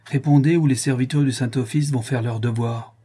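A man voicing a commanding grand inquisitor, curt orders, husky dark voice, loud. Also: mid-range voice, steady tone, brisk, natural voice. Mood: stern. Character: stern older male grand inquisitor, commanding.

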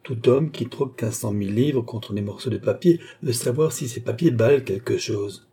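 A sly, sardonic con man in a storybook read-aloud, as a man reads him. The voice is mellow and husky, confident and a little mocking. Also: medium pitch, moderate pace. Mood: scheming. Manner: scheming and mocking. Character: cunning, sardonic male swindler.

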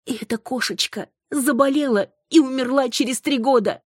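A woman voicing a jealous, hysterical young wife who scolds her husband, shrill and close to tears. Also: normal speed, breathy edge, dry recording. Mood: reproachful. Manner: shrill, accusing, near tears.

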